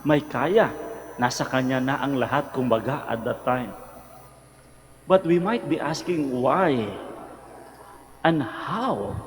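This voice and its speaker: A man with a Filipino accent, a priest reading the gospel and preaching a slow, earnest homily at Mass in a large church with a church hall echo. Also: medium pitch, animated, a little hiss or hum. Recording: long reverb of a large church.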